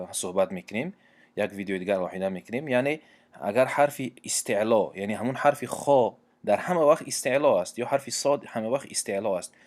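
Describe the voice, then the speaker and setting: A man with a Tajik accent teaching a Quran recitation lesson, explaining pronunciation patiently with repetitions and hesitant pauses. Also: lowish voice, darkish tone. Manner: patient, repeats points and examples, frequent hesitations.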